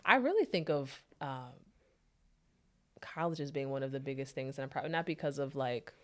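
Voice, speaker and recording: A woman's voice: extremely low pitch, animated, moderate pace. A woman in her thirties, a therapist and podcast guest, talking reflectively and searching for her words. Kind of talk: casual interview chat.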